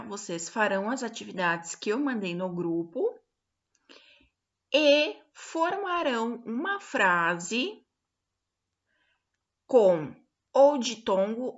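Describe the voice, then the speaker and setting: Woman teacher, fairly high and bright, very slow remote lesson with frequent check-ins, dull lo-fi recording. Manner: slow, patient, stretches example words out syllable by syllable, frequent check-ins. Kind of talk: remote grammar lesson for pupils.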